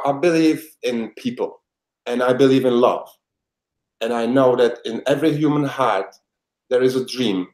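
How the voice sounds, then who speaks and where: A man from the Czech Republic with a Czech accent, speaking English as a second language and answering interview questions as a life coach in an earnest, heartfelt way. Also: medium pitch. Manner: earnest, heartfelt, with non-native grammar. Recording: echoey room sound.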